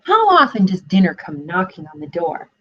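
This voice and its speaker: A woman voicing a hungry, scheming male fox in a storybook read-aloud, speaking slowly in a drawn-out, gloating way. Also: on the low side, huge pitch swings, a bit bright, slight background noise. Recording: dull lo-fi webcam audio.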